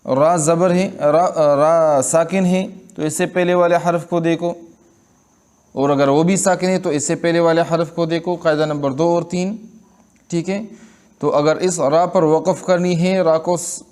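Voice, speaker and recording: A man from Pakistan teaching Quran recitation rules in Urdu, explaining each rule and then showing it in slow, drawn-out recitation. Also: a little high, fairly even intonation, darkish tone, smooth. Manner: repeats words and checks in with listeners. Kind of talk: Urdu tajweed lesson with recitation.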